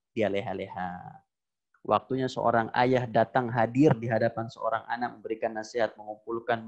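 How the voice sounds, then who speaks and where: A male Islamic preacher giving a religious lesson to a congregation, speaking emphatically, repeating phrases and breaking into high exclamations, with Arabic verses recited between his explanations. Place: Islamic boarding school lecture. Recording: dull lo-fi recording.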